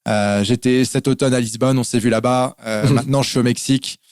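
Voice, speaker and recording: A man's voice: mid-range voice, fairly quick, no echo. Chatty French man, dry sound. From France. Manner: relaxed, explains in lists with many fillers. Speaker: guest. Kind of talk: casual interview over a call.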